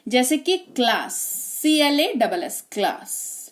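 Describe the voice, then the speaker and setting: A high-pitched woman explains English spelling and reading rules step by step. She talks in a chatty, friendly-teacher way and keeps asking her listeners whether they follow. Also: very animated, slow pace. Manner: chatty, keeps checking with "ठीक है?" and "है ना?".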